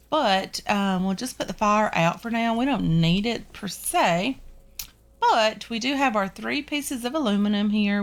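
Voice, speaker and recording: In casual game commentary, this gaming channel host chats her way through a survival game in a Southern US accent, tossing in ums and calling her viewers guys. She has a mid-range voice, made stuffy and congested by a sinus infection.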